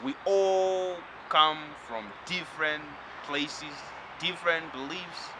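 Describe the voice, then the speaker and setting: A man from Zimbabwe giving a spiritual lecture, talking slowly and reflectively and addressing the listener directly. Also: on the high side, background noise.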